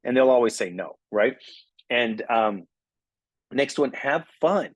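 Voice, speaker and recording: A middle-aged man giving an energetic coaching talk on recruiting, often checking in with "okay?". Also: mid-range voice, takes it slowly, husky, dry recording. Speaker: recruiting trainer. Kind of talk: motivational training talk.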